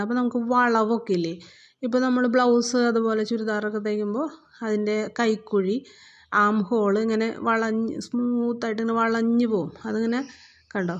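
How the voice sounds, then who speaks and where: A woman's voice: fairly high pitch, muffled recording. A woman giving a patient step-by-step sewing lesson, repeating each step and checking that learners follow. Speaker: sewing teacher.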